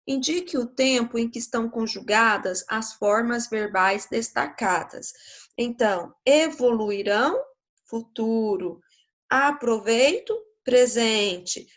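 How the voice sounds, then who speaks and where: A woman teacher with a Brazilian Portuguese accent walks schoolchildren through a grammar lesson. She speaks slowly and patiently, in a fairly high voice. She keeps checking in with quick tag questions. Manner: slow, patient, explanatory, checking with "né?" and "tá?".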